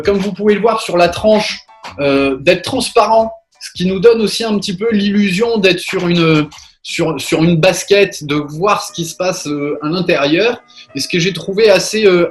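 A man hosts a relaxed talk show from a video call, his voice sitting a bit high. He fills his sentences with pauses and false starts as he gathers his thoughts. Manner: hesitant, many fillers and restarts. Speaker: radio show host. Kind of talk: casual chat over video call.

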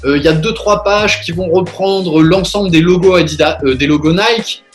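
A man's voice: sits high, normal speed, faint music behind. Hesitant man hosting a chat show. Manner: hesitant, many fillers and restarts. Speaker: radio show host. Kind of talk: casual chat over video call. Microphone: video call.

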